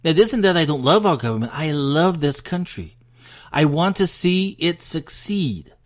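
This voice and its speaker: A man's voice: on the high side, very animated, measured pace. An American man hosting a solo political commentary, ranting in an emphatic, frustrated way and sounding out of breath. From United States.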